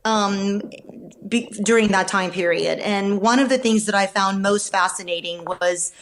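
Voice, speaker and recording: Speaking as a guest novelist on a podcast, a Romanian woman responds to questions in a considered, measured manner, full of fillers and restarts. Her voice is mid-range, and there's a little hiss or hum in the recording.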